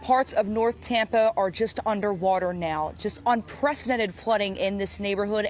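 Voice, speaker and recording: A woman reports for television news with a mid-pitched voice and the measured phrasing of scripted narration. There is faint noise behind her from the location. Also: a little mellow.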